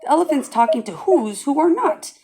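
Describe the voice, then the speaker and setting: A band of scornful jungle monkey brothers from a storybook, jeering and shouting down an elephant, as a woman reads them aloud. The voice swings widely in pitch. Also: big pitch swings, brisk, slight background noise.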